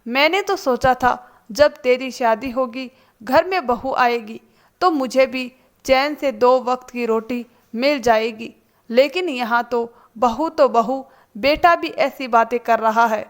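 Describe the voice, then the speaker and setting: Woman reading a bossy older mother-in-law, scolding, loud, highish voice, slow delivery. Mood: aggrieved. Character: stern older mother-in-law, quick-tempered.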